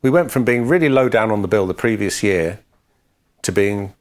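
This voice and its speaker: A podcast co-host and musician tells band anecdotes in a casual chat, his fairly low voice moving at normal speed with lively intonation. Despite that, his delivery stays dry and matter-of-fact.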